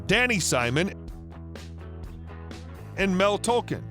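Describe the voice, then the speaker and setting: A male narrator with a high, bright voice reads a scripted biography in a steady, even delivery. Soft music sits faintly underneath the read. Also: takes it slowly.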